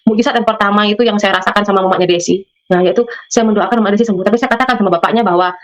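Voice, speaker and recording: Speaking very fast in a mid-range voice with fairly even intonation, a woman from Madura, Indonesia, shares a spoken religious testimony as a guest. She tells it as a story, frequently turns to address listeners, and voices the other people involved.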